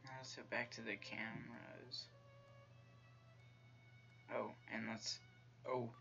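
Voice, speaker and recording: Young man, gaming commentary, slow talker, dull home-mic sound. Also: mid-range voice, little pitch movement, vocal fry, bright, forceful tone, faint music behind. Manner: jumpy, talks to the game's characters, whispers when tense. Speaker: gaming YouTuber. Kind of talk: let's-play commentary.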